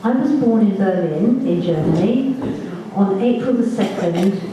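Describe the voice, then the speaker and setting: A woman giving spoken first-person testimony at a reunion, measured and halting, with small restarts, in a large assembly hall on a distant mic. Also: mid-range voice, lively intonation, noisy background. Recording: echoey hall from far off.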